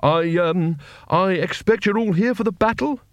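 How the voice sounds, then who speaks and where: A nervous, cowardly male wizard, put on by a male narrator, anxious and hesitant. His voice rises higher than the narration and stumbles with little stammers. The sound is dry and close. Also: moderate pace, no room sound, close to an everyday voice.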